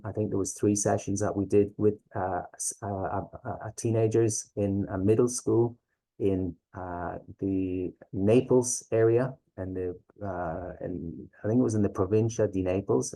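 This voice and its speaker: A man with a low, very mellow voice and a west of Ireland accent. He presents informally like a teacher, hesitating as he goes and often checking that listeners follow. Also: creaky, rough recording. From Galway, west of Ireland. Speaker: teacher presenting a reading series.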